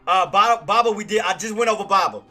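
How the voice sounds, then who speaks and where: A man's voice: high-pitched, quick pace, pushed and bright, soft background music. A man hosting a live stock trading stream, giving casual market commentary, laughing often and talking to viewers by name. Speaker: stock trading livestream host.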